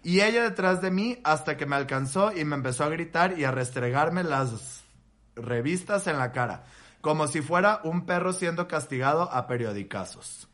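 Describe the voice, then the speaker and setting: A man co-hosting a podcast in a bright, forceful voice, set a bit high. He jokes crudely and reads a listener's story aloud in casual chat, close on a studio mic. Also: animated, moderate pace. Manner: joking, crude, laughs often. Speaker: podcast co-host.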